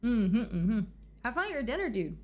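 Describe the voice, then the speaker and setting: A woman hosts a casual livestream in a high-pitched voice. Her intonation jumps around in a very lively way. She sounds cute and bubbly, with an excitable, gushing manner as she talks to her viewers. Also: normal speed, dull audio. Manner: excitable, exclamatory. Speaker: livestreamer and host. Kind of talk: casual livestream chat, greeting raiders and thanking gifters.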